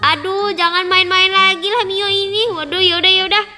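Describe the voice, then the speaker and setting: A woman's voice: very high-pitched, fairly even intonation, moderate pace, sharp tone, faint music behind, exaggerated voice. A woman voicing a sceptical, scolding young police officer in a children's role-play, full of exclamations and questions. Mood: exasperated.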